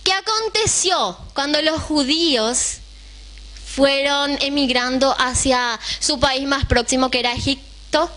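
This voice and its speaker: High bright-voiced woman teaching a bible class. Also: unhurried, a little hiss or hum. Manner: keeps asking the class questions, checks in with "right?".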